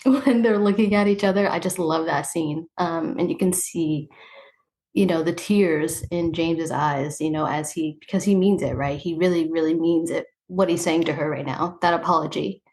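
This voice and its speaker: A woman with a somewhat low voice hosts a casual podcast conversation. She walks through scenes in a loose, chatty way, with frequent filler checks like "right?" and "you know". Her delivery is relaxed and conversational. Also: moderate pace. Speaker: podcast host. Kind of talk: casual chat recapping a show.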